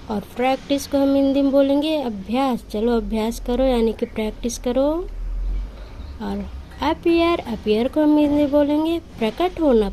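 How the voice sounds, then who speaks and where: A woman teaching a vocabulary lesson, repeating each word slowly and giving short example sentences, sometimes correcting her own slips. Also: high-pitched, warm tone, a little hiss or hum, rough recording. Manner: slow, repetitive word-by-word drilling with example sentences.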